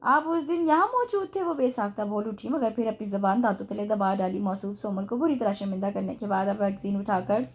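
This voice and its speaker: A woman reading a romance novel aloud as narrator, with steady, expressive storytelling. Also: medium pitch, brisk, few pauses. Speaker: audiobook reader.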